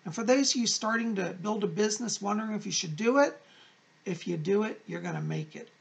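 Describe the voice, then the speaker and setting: A man's voice: high-pitched, brisk, gravelly. A man reading weekly horoscopes like a fortune teller, effusive, encouraging and emphatic, speaking straight to his viewers.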